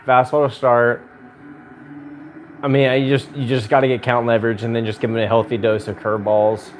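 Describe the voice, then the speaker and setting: A man's voice: medium pitch, flat delivery, brisk, a little hiss or hum. A man in his late thirties doing casual live-stream commentary on a baseball game, chatty and muttering with restarts, on a clip-on mic. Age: 30s. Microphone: magnetic clip-on mic.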